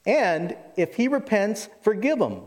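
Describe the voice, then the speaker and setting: A pastor delivers an expository Bible sermon at a pulpit mic, conversational yet emphatic, repeating phrases and asking his listeners rhetorical questions. His high-sitting voice is sing-song and unhurried, echoing at length in a reverberant hall.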